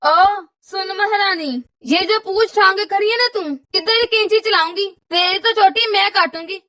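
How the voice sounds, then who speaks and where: A woman voicing a nagging older mother-in-law in a cartoon, scolding her daughter-in-law with shrill, drawn-out wails. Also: bright, forceful tone, dry recording. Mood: threatening. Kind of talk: cartoon voice acting.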